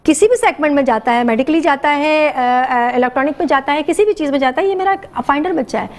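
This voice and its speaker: High-voiced earnest Pakistani woman guest. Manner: earnest, animated storytelling mixing English words. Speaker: guest educationist. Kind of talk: morning show interview.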